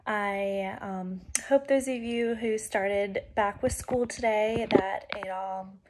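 A woman's voice: mid-range voice, slow pace, very noisy. A woman who works as an educator, giving an informal church devotional in a chatty, conversational way with frequent fillers.

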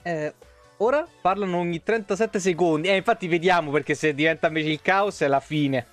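A man in his thirties rambles and swears freely while chatting on a live game stream, sitting close to an arm-mounted desk mic in a small room at home. His voice runs on the high side and a little fast, with faint music behind.

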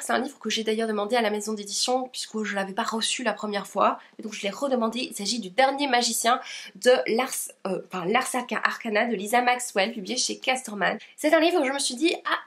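A woman's voice: a little high, fairly bright tone. A young woman from Belgium, chatting casually about her reading pile with many hesitations. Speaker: book YouTuber. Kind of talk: casual book haul chat.

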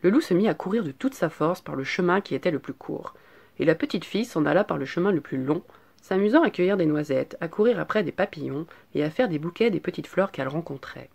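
A storyteller reading an old fairy tale in a measured way, breaking off for casual explanatory asides with fillers. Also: mid-range voice, expressive, creaky, darkish tone. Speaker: storyteller and channel host.

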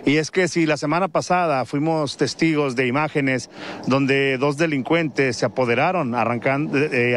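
A middle-aged Mexican man works as a field reporter, broadcasting live from a residential street outdoors and speaking off the cuff with fillers and restarts. He uses a handheld mic, his voice is medium in pitch, and there's a little hiss or hum.

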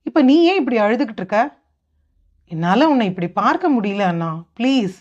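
A woman's voice: a little high, big pitch swings, normal speed, darkish tone, dull audio. A woman voicing an earnest younger brother who urges his grieving older sibling, read in an audiobook. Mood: urging. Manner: urgent, coaxing.

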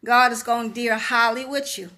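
A middle-aged woman talks straight to her viewers in a bright, piercing voice. She preaches and repeats her points over and over. Her pitch sits high and sharp. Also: steady tone, normal speed. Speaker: vlogger. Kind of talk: casual monologue to camera.

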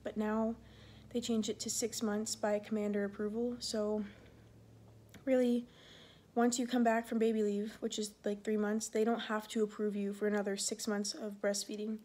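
A woman's voice: medium pitch, level tone, normal speed, a little mellow. A pregnant woman in her twenties who serves in the Air Force, chatting casually in a rambling vlog, full of fillers and a little short of breath.

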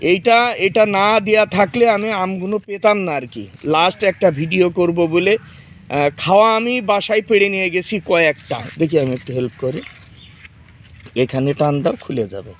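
This Bangladeshi farming vlogger, a man in his thirties, speaks at a normal pace in a high-sitting voice, with slight background noise. He casually demonstrates fruit outdoors in a garden and gives his kids directions.

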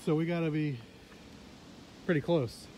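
A man's voice: a little high, fairly even intonation, a little slow, background noise. Joking man hiking outdoors. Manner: joking, playful banter. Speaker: hiker filming a trail vlog. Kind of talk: casual chat while hiking. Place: outdoors on a wooded trail.

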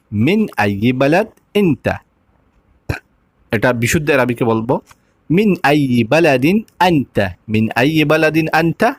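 A man teaching a language lesson, repeating each phrase slowly and explaining it word by word. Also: medium pitch, no room sound. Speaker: Arabic teacher.

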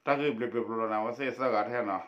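A man's voice: mid-range voice, very fast, a bit bright, muffled recording. A man giving a spoken news report in a long unbroken delivery. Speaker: news presenter.

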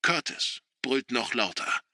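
A man narrating a German thriller audiobook in a steady, dramatic storytelling manner. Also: medium pitch, takes it slowly, no room sound, clean studio sound.

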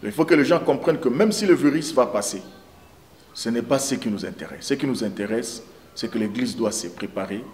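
A man's voice: mid-range voice, animated, fairly quick, darkish tone. A middle-aged man, giving a pastoral exhortation as a preacher. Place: indoor room, speaking to camera.

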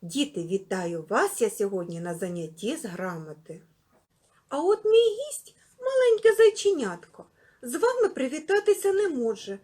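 A kindergarten teacher, a woman, giving a literacy lesson to small children in a lively, sing-song way. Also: fairly high pitch, husky.

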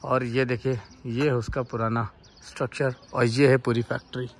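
A man's voice: medium pitch, flat delivery, moderate pace, poor audio. A man in his thirties vlogging a road trip, pointing out views and places to viewers as he drives and walks outdoors, filmed on a handheld phone. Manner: enthusiastic, points things out to viewers. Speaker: travel vlogger. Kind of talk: casual travel vlog narration. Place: outdoors on hill roads and in a car. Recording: outdoor traffic and wind noise.

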